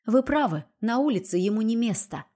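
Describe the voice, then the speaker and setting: A woman doing a young noblewoman, higher voice, tearful, dignified, storybook reading. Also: lively intonation, fairly quick, dark tone, lightly acted. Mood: tearful firm. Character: young noblewoman, emotional, proud.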